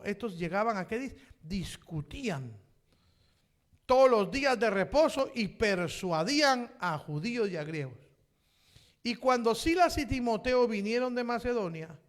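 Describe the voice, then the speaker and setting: A man, preaching a sermon. He calls out to the congregation as brother and repeats amen, and he swings from loud, impassioned passages to quiet asides. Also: sits high. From Chile. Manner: impassioned preaching that rises to shouts, then drops to quiet asides. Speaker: pastor.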